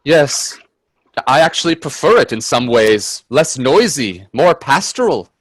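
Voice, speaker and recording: An actor in a radio play portrays a timid, wonder-struck gentleman companion, delivering dialogue and first-person narration in a mild, agreeable mood with genteel phrasing, hesitation, and stammering. His medium-pitched voice is sing-song and a little slow. The dry, husky close audio comes from a video-call performance.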